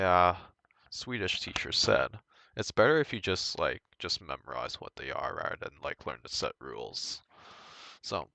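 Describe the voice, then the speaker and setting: A young man giving an informal language lesson, thinking aloud in a halting way and correcting himself as he goes. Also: low voice, pushed and bright, no echo. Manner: hesitant, halting, self-correcting. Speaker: language tutor.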